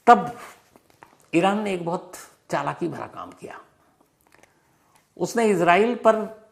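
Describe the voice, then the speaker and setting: Speaking in a mid-range, gravelly voice, the man hosting this crime and history storytelling explainer goes for drama. He hammers points emphatically and repeats phrases for effect.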